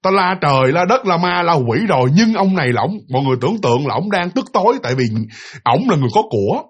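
A man narrating a spoken ghost story, excited and repetitive, acting out the characters' lines as he goes. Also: on the high side, quick pace, slightly rough.

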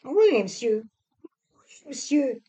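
A woman's voice: high-pitched, very animated, warm tone, breathy edge, pitched above the performer's own voice, full character voice. A woman reading an audiobook, voicing a stout, timid housekeeper with a fluty voice who speaks hurriedly and nervously. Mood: flustered. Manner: hurried, nervous, near tears.

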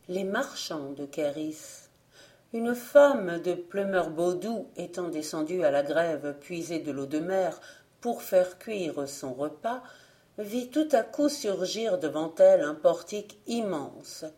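A woman reads an audiobook of old legends in a measured, even manner. Her voice sits low and sounds soft and mellow. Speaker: audiobook reader. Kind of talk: audiobook narration of folk legends.

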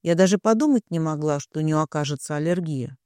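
A woman's voice: deep voice, fast talker, darkish tone, dry recording, clean studio sound, close to an everyday voice. A man voicing a jealous young woman who stammers and pleads through tears in an audiobook. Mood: tearful pleading.

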